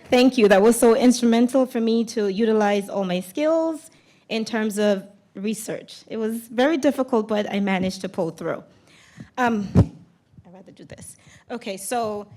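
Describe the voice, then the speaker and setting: A woman speaks at a podium as a nurse presenter. Her voice is raspy from a cold and sits at a medium pitch. She sounds nervous and pauses hesitantly as she explains, talking into a handheld mic. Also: a little mellow. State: raspy voice from getting over a cold. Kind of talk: conference presentation. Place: lecture room at a podium, indoors. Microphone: handheld microphone.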